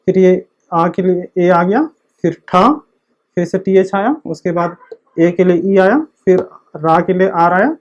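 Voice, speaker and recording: A man giving an online video lecture, explaining slowly and step by step while he writes. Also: sits high, fairly even intonation, darkish tone, muffled recording. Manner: slow, step-by-step explaining, repeating the same check word. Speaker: teacher of a script.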